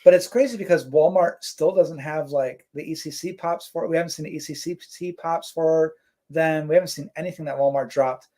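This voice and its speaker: A laid-back man co-hosting a live stream reads out the chat in a casual, relaxed way, rambling with many fillers. His voice sits on the high side and moves a little fast.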